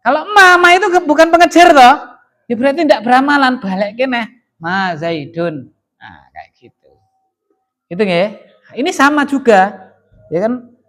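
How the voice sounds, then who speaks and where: A man's voice: very high voice, normal speed, long pauses, a bit bright. A man with a Javanese accent teaching Arabic grammar in a classroom, explaining patiently and quizzing his students with frequent questions. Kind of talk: classroom lesson.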